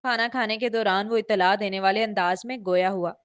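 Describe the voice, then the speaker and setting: A woman's voice: medium pitch, steady tone, a little fast, clear, resonant tone. A woman narrating a romance novel in a flowing, descriptive storytelling manner. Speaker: audiobook narrator.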